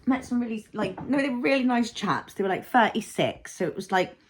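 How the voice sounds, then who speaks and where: A woman's voice: on the high side, expressive, a little fast, breathy edge. A woman in her thirties, a mother and vlogger, talking through her thoughts in a rambling, reflective way full of fillers. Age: 30s. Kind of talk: casual personal vlog.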